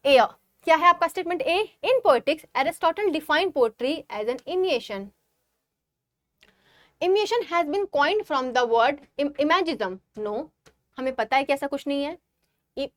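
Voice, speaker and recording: Indian woman tutor, high voice, dry close sound, walks students through exam answers, reads quotes slowly. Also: no echo. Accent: Indian English. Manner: switches between English and Hindi, reads English quotes slowly and deliberately. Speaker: exam prep teacher. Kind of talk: online exam lesson.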